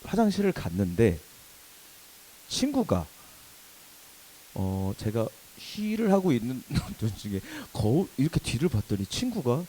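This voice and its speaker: A young adult man preaching to a youth service, telling a funny personal story with lively acted quotes and laughter. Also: medium pitch, a little slow, pauses often, a little hiss or hum, low-quality recording. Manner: animated storytelling, laughing at himself, acting out quoted shouts. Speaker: youth pastor. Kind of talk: sermon with personal anecdote. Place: church worship hall.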